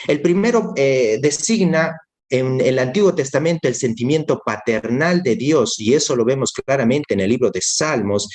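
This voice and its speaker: A man delivers a sermon with steady, earnest conviction. He repeats his main points for emphasis and speaks straight to the listener as a fellow believer, in a voice of ordinary middle pitch. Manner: addresses listener directly as brother. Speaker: preacher.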